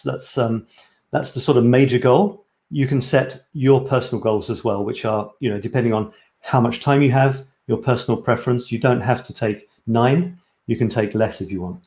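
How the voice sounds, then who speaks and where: A man originally from Scotland leads a live-streamed photography class, talking eagerly and rambling a little as he restarts his sentences. His voice is mellow and sits at an ordinary pitch. The room around him adds a noticeable echo. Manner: enthusiastic, chatty, self-correcting. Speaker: photography coach. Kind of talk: live-streamed course presentation.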